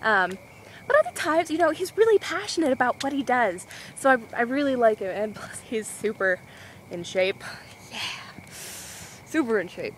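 A woman's voice: on the high side, big pitch swings, moderate pace, a little hiss or hum, poor audio. A young woman walking outdoors with a handheld camera, vlogging in a rambling, scatterbrained, giggly way. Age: young adult. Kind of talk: rambling casual vlog.

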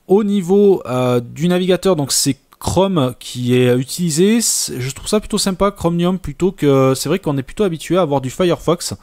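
A man presenting a casual computer tutorial over a screen recording, relaxed and full of hesitations. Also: medium pitch, dry recording, studio quality. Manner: relaxed, many filler hesitations.

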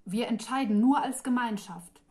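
A woman reading the part of a quick-thinking young woman who speaks firmly and emphatically. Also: a little high, darkish tone, natural voice.

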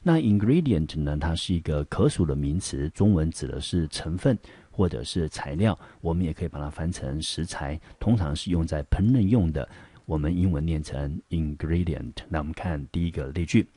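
A man's voice: very deep voice, expressive, normal speed, warm tone, husky, dry recording. A man teaching English vocabulary, patiently explaining each word and example sentence step by step. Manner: patient, explains step by step and asks the class rhetorical checks.

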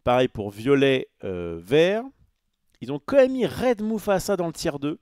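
A man's voice: fairly high pitch, very animated, measured pace, a little mellow, clear, resonant tone, no room sound. Guy streaming, rambly, lots of euh and restarts, dry close sound. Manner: rambling, lots of fillers and restarts, reads out chat. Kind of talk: casual live-stream chat.

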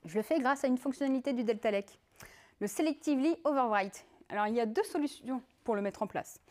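A woman gives a technical talk at a conference, chatting through it in a lively, conversational way. Her voice sits a little high, and her speech is full of fillers and quick asides. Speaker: conference speaker.

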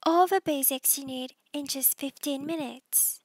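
A woman with a Mauritian accent teaching vocabulary as a scripted drill, saying each word deliberately and repeating it. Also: high voice, noisy background. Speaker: language teacher.

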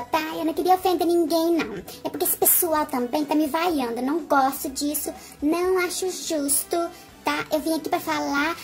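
A woman's voice: high-pitched, voice pushed down. A woman doing a vain brash talk-show guest. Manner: boastful and quarrelsome, tag questions. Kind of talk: doll play-acting a TV talk show.

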